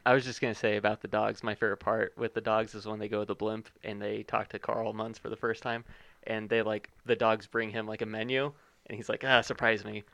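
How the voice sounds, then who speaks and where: A man's voice: lowish voice, level tone, brisk, gravelly, a bit bright, no room sound. A man co-hosting a podcast in casual chat, critical and set on finishing his point. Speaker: podcast co-host.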